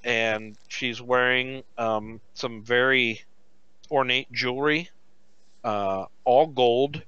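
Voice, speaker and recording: A man running a tabletop game as game master, describing scenes in an unhurried way with many fillers. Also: mid-range voice, fairly even intonation, bright, forceful tone, clean tone, no echo, lo-fi sound.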